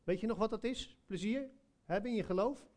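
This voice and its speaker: A man's voice: high voice, fairly quick, a little mellow. A man preaching a sermon, telling a personal story in a conversational way, with many hesitations and direct questions to listeners.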